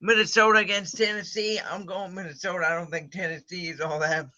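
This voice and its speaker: A man's voice: sits high, flat delivery, brisk, pushed and bright, muffled recording. A man chatting casually and confidently as he hosts a livestream of sports predictions, recorded on a home computer mic. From Cleveland, United States. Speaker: host.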